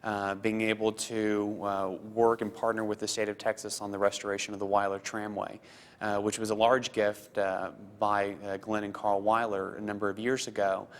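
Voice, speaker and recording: His pitch is fairly low and barely moves as this Costa Rican-raised man in his thirties, a program officer at a foundation, responds earnestly to interview questions. His answers come haltingly, full of fillers and repeated words.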